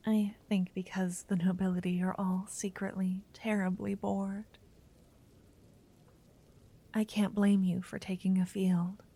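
A woman's voice: medium pitch, little pitch movement, measured pace, long pauses, husky. A woman voicing a shy, nervous young noblewoman in a whispered roleplay, stammering now and then. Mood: nervous whispering. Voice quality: soft whisper. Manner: hesitant, stammering.

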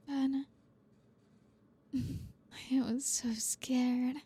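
A woman in a whispered intimate audio roleplay, speaking as a girlfriend in a soft whisper broken by frequent giggles. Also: high voice, husky.

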